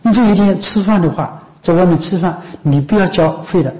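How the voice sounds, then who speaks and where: A man's voice: high-pitched, a little fast, a little mellow, poor audio. A man, a Buddhist monk, giving an informal dharma talk to lay followers. He talks in a chatty, coaxing way, keeps asking his listeners whether they understand, and coughs now and then. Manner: conversational, often asks "知道吗？" and "是不是？".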